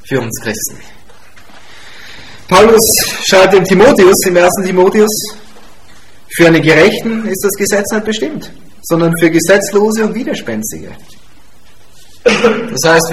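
Male pastor, high voice, emphatic and repetitive sermon delivery, recorded in an echoey church room. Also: a little hiss or hum. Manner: emphatic, repeats key points. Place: church hall.

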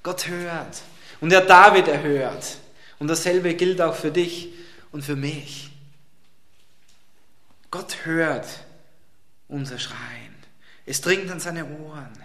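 Male preacher, sermon, fairly high voice, loud-to-hushed delivery, roomy echo. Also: takes it slowly, gravelly, pauses often. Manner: dramatic swings between loud and hushed.

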